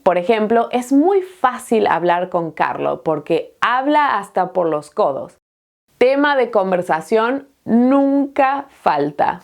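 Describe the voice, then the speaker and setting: A woman from Latin America teaching a Spanish lesson, explaining slowly and often checking in with "¿no?". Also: on the low side, darkish tone. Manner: slow, clear teaching with frequent "¿no?" checks and laughs. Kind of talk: language lesson. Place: Australia.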